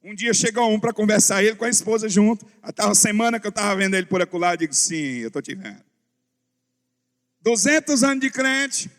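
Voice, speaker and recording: A male pastor preaching a sermon, telling stories in an animated way and acting out dialogue. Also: high-pitched, fast, hardly any pauses. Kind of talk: sermon with storytelling. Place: large church hall. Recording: long church hall reverb.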